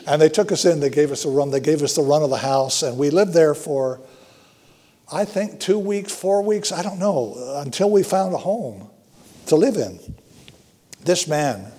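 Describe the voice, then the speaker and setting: A middle-aged man preaching a sermon to his congregation, earnest and emphatic with frequent pauses and restarts. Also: mid-range voice, mellow, husky. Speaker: pastor.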